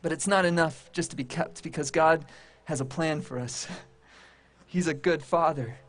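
High-voiced male preacher, emphatic and repetitive. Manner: emphatic, repetitive phrasing with dramatic pauses. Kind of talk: sermon to a congregation and online audience.

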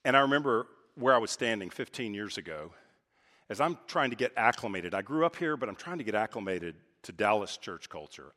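A man from Texas preaching a sermon as pastor, talking with emphatic swings from loud, high points to quiet, low asides. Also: sing-song, fairly quick. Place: church sanctuary. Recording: reverberant church hall.

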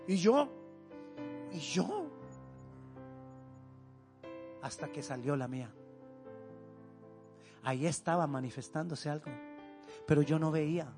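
A man preaching a sermon, reading scripture and pleading earnestly, often dropping to a soft, hushed voice. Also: fairly high pitch, animated, a little slow, pauses often, over music.

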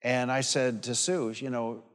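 Unhurried and steady in a mid-range voice, a sixty-seven-year-old man preaches to a congregation in a large hall or church. The live recording has long hall reverb, and his folksy, emphatic sermon leans on repeated phrases, personal stories, and calls for amen.

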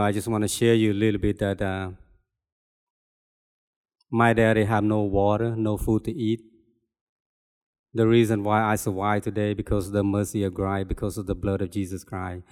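An older Cambodian-accented man preaches his testimony in a plain, earnest way, repeating himself as he searches for words. His voice is smooth and resonant, with a long reverb trailing off in a church hall. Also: fairly low pitch, darkish tone. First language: Khmer. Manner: earnest, halting, plainspoken with repetitions. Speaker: lay preacher. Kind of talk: personal testimony sermon.

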